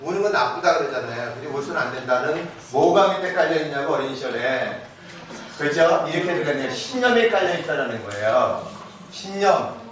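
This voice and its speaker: Man, slightly high voice, lecturing a live audience in a big echoey hall, mic set far back with a noisy room behind him; quick questions he answers himself. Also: expressive, a bit bright. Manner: shifts between casual speech and polite address. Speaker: parenting lecturer.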